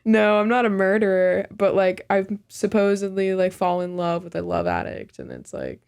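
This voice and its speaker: A woman's voice: medium pitch, very animated, normal speed, creaky, a little mellow, smooth. A young woman from California, a singer and actress, chatting casually as a podcast guest, laughing often and filling her talk with "like". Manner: laughs often, lots of "like" fillers.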